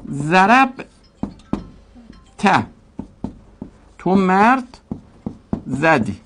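A man teaching a grammar lesson to a class, drawing out each word form slowly and asking questions he then answers himself. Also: high-pitched, very animated, a bit bright, soft background music. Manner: drills word forms slowly, stretching each syllable.

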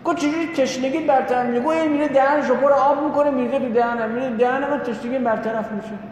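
A man preaching a sermon, telling a religious story in an animated way and voicing the people in it. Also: very high voice. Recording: echoey hall with long reverb, faint noise.

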